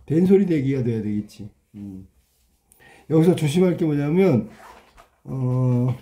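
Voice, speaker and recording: A male Korean language teacher talking casually through exam questions, sounding out words slowly and often repeating them, with many rhetorical questions. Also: medium pitch, warm tone. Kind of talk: casual exam walkthrough lesson.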